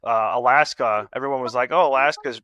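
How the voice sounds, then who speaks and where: An American man hosts a podcast in an easygoing but argumentative way, often saying "like." His voice is bright and mid-pitched, and it is recorded close and dry with no room sound. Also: a little fast, dry recording. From United States. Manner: casual, argumentative, says "like" often. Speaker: podcast host. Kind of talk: casual interview chat.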